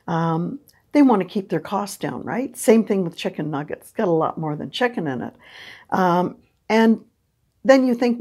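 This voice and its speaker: An older woman hosting a casual diet lesson at a whiteboard, chatty and animated, often checking in with "right?", recorded from a camera at medium distance. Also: mid-range voice, husky. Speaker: health and diet video host. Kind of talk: casual instructional talk at a whiteboard. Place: indoor room before a whiteboard.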